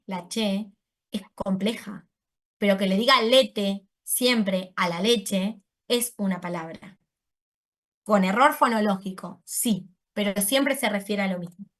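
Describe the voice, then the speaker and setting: A woman's voice: medium pitch, slow pace, fairly bright tone. A woman giving an explanatory lecture to an audience, correcting herself as she goes. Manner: explanatory, uses voseo, self-corrects. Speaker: speech therapist giving a talk.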